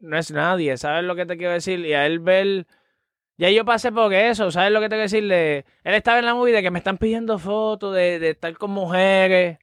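A man, a guest telling a story in casual street slang and acting out quotes loudly. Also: sits high, fairly even intonation, fairly quick, smooth, no room sound, clean studio sound.

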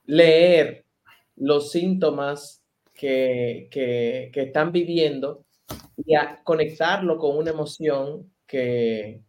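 A man co-hosting a podcast, asking questions with many pauses and restarts. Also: a little high, a little mellow. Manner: hesitant, many fillers and restarts. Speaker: podcast co-host. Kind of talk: casual interview talk.

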